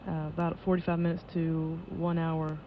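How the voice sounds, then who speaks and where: A woman giving live launch control commentary as an official announcer, in a measured, matter-of-fact way. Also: low-pitched, little pitch movement. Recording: dull lo-fi broadcast audio with noise.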